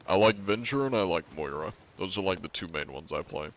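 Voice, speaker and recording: In a rough recording with slight background noise, a man's low, fairly bright voice comes through a little fast with lively intonation. He's in his twenties, from the northern US, and rambles through casual stream chat while gaming, reading chat aloud with lots of fillers.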